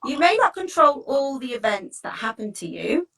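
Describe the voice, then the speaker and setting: Speaking at normal speed with big pitch swings and some vocal fry, a teacher wellbeing coach leads an informal talk in a fairly high, bright voice. She's chatty and encouraging, often looking for agreement through small tag questions, while the microphone sits some distance away.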